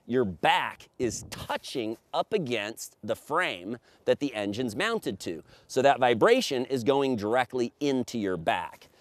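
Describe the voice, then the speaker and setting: Standing outdoors on a grassy field, a middle-aged man who sells paramotors walks through his product for a camera on a tripod. His medium-pitched voice, recorded with no echo, carries the energy of an enthusiastic, emphatic salesman.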